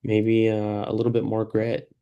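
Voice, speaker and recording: Dark-toned, encouraging male mentor. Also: on the low side, completely flat delivery, normal speed, clean tone, dull audio. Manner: easygoing and encouraging, with many fillers. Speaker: peer mentor in a practice session. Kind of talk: faith-based mentoring conversation.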